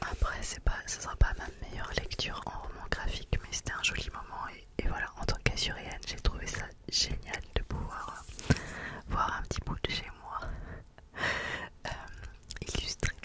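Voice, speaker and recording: A woman giving an informal, somewhat hesitant ASMR book review in a soft library-style whisper. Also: normal speed. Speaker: book reviewer, vlog host.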